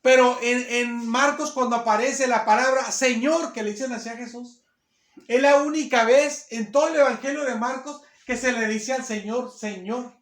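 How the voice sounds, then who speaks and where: A man's voice: very high-pitched, steady tone, moderate pace, a bit bright, echoey room. A man preaching a sermon to a congregation of women, fervent and repetitive, often calling them sisters. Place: church hall.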